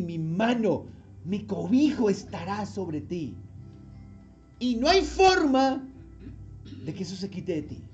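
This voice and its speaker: A male pastor preaching an animated sermon, leading the congregation to repeat after him and often asking short questions. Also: muffled recording. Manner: animated, swings from loud emphatic calls to low quiet asides; leads the congregation in call-and-repeat.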